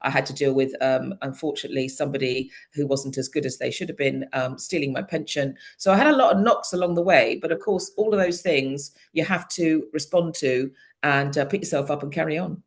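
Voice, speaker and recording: A woman's voice: deep voice, a little fast. Matter-of-fact woman panel guest. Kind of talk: conversational interview answer.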